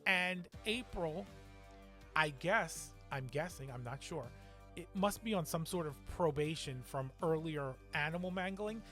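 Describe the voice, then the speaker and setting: A man co-hosts a horror movie podcast in a relaxed, sarcastic way, laughing now and then. His voice sits a little high. Faint music plays underneath. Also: unhurried. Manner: wry, sarcastic, laughs often. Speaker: podcast co-host. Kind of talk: casual movie review chat.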